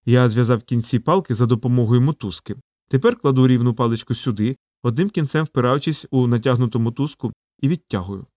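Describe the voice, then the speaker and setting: A man's voice: mid-range voice, a little fast, a little mellow, dry recording, studio quality, natural voice. A man voicing an earnest, worried young man in an audiobook, in a plain, natural voice.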